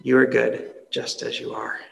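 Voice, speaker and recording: A male pastor giving a sermon in an earnest, conversational way, often dropping soft and slow for emphasis. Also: mid-range voice, flat delivery, vocal fry, long reverb tail, poor audio.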